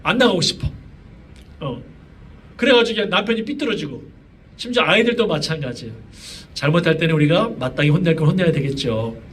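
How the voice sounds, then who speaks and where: A man's voice: fairly high pitch, expressive, brisk, long pauses, a bit bright. A middle-aged male pastor preaching a sermon in a casual, conversational way, often asking the congregation questions. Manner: conversational preaching with many fillers and rhetorical questions. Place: church sanctuary. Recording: voice from a distance, faint room noise.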